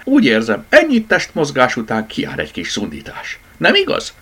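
A man voicing a giddy, hyperactive toy rabbit in a children's storybook, squeaky and bouncy. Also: wildly swooping pitch, pushed and bright, breathy edge, full character voice. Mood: sleepy cheeky.

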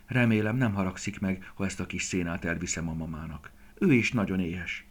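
A man voicing an eager young male roe deer fawn in a storybook, raising his voice high and calling out excitedly. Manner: excited, high-pitched calls.

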